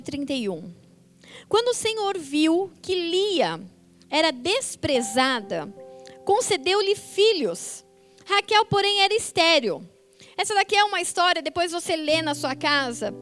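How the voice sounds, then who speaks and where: High-voiced woman preaching with emphatic energy. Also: faint music behind. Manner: animated, emphatic preaching with quick asides. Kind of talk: sermon.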